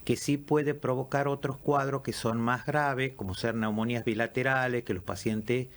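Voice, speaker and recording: Doctor guest, measured explaining voice, lots of fillers. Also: male voice, mid-range voice, fairly even intonation. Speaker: pulmonologist guest. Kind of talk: radio interview answers.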